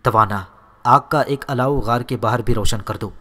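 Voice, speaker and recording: A man voicing a brave young male warrior who gives calm, firm orders to his family. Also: medium pitch. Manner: firm, commanding.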